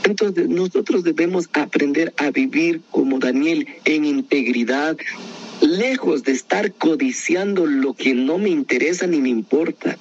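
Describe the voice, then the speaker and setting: A man's voice: on the high side, measured pace, muffled recording, a little hiss or hum. A man leading a Bible study in a conversational teaching style, often asking rhetorical questions. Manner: animated, asks many rhetorical questions.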